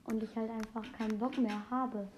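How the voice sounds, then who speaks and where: A woman giving casual, excitable gaming commentary, rambling through fun facts with many restarts. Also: fairly high pitch, normal speed, slight background noise. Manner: excitable, keeps exclaiming "Junge". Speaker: let's play host.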